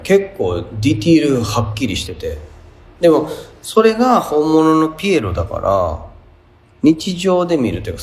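A man's voice: on the low side, a little mellow. A man with a Kansai accent hosting a casual radio show, reading listener letters aloud and answering them with amused, playful retorts.

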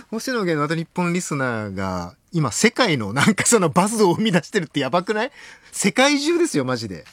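Excitable man hosting late-night radio. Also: no echo. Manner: excitable, swings between loud exclamations and low muttered asides. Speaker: radio show host. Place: radio studio.

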